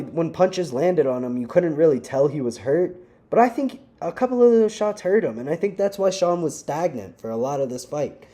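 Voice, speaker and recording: A young man ranting casually to camera, animated and slangy, breaking into frequent laughs. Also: a little high. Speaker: vlogger. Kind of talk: casual rant.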